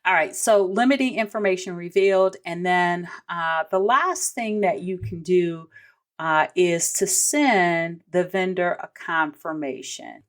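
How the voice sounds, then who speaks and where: An American woman with a lowish, unhurried voice hosts an instructional podcast as a vendor payments trainer. She explains conversationally, stressing key points and adding casual asides.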